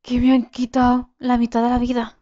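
A woman's voice: fairly high pitch, completely flat delivery, fairly quick, warm tone. Chatty woman gamer, lo-fi mic. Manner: chatty, swearing, exclaiming at the game. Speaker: gaming channel host. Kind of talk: casual let's-play commentary.

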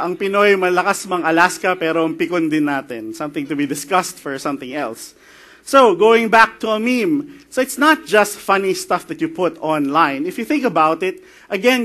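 A man's voice: high voice, a bit bright. A man with a Filipino accent giving a joking, chatty conference talk and slipping in Tagalog phrases. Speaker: conference speaker. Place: conference hall.

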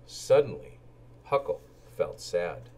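A deep-voiced man reads a children's storybook aloud, taking it slowly. His storytelling is expressive and animated, with intonation swinging widely from line to line as he acts out the characters' lines.

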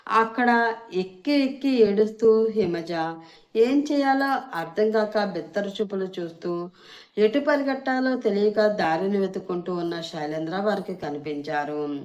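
A woman's voice: mid-range voice, unhurried, a little mellow. Woman narrating a serial story.

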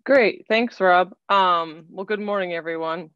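A woman in her thirties giving an online webinar presentation from a small room, explaining things in a measured way with some fillers. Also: on the low side, clear, resonant tone, no echo. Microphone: laptop webcam video call. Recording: dull, dry video-call audio.

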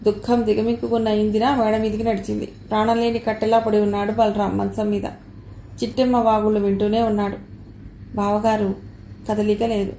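A woman reading a novel aloud as an audiobook narrator, with a steady storytelling manner. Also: medium pitch, gravelly. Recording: echoey room with faint noise.

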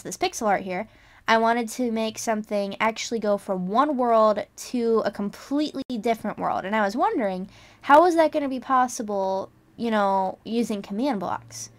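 A young adult woman hosting a casual game tutorial, chatty and rambling, often correcting herself and teasing her viewers. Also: on the high side. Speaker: channel host.

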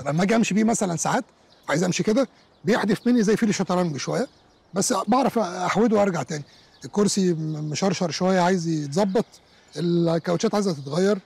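Touchy Egyptian sitcom guy who drops English words, pitched high and quick. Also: gravelly, darkish tone, breathy edge, exaggerated voice. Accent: Egyptian Arabic. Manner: indignant, whiny, takes offense easily. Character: fussy, touchy man who sprinkles English words into his talk. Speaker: sitcom character. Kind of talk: TV sitcom acting.

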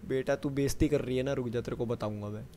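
A man's voice: mid-range voice, steady tone, fast talker, mellow, slight background noise. A man giving running commentary on a horror game, chatting to himself and the viewer and breaking into panicky bursts when the enemy shows up. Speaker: gamer.

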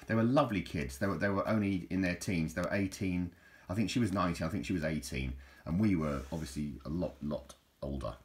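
Rambling deep-voiced man. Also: a little fast. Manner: rambling, repeats words, chuckling asides. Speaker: vlogger. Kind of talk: casual reminiscing over old photos.

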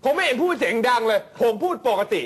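A man's voice: very high-pitched, very animated, fast, a bit bright, slightly rough. A man acting as a boyfriend in a sketch comedy, stubborn and argumentative.

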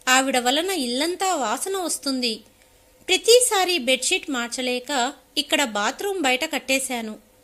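A woman's voice: sits high, expressive, a little slow, fairly bright tone. A woman voicing a harsh, domineering sister-in-law who speaks with scorn. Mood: dismissive.

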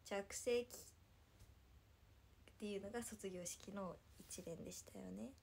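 A woman's voice: medium pitch, steady tone, normal speed, gravelly, darkish tone, a little hiss or hum. A young woman in her twenties with a Nagasaki dialect, chatting casually and bubbly with livestream viewers and often laughing. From Nagasaki, Japan. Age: 20s.

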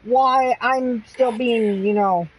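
A man's voice: extremely high pitch, fairly even intonation, slow, husky, low-quality recording. A man chatting over a headset during a co-op shooter game, ranting and swearing in frustration at his teammates. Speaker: gamer streaming co-op play. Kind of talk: casual gaming chat.

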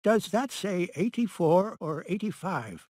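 A man voicing a frail, doddering old man with a wavering voice in an animated comedy. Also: sits high, a little slow, no room sound, studio quality, full character voice. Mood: feeble.

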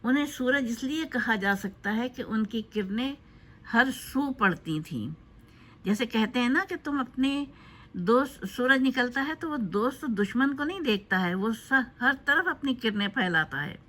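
A woman's voice: fairly high pitch, animated, a bit bright. Hesitant woman narrating a tribute. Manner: hesitant, with frequent filler pauses. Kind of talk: unscripted spoken tribute talk.

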